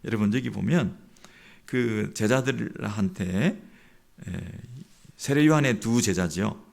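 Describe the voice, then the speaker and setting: A male pastor delivers a dawn sermon, reading scripture aloud and then retelling it as lively spoken dialogue. His voice sits low and carries a gravelly rasp, and he swings from quiet asides to loud, raised-pitch quotations. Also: slow pace. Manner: acts out quoted dialogue with lively shifts in pitch and loudness. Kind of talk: sermon at a dawn prayer service.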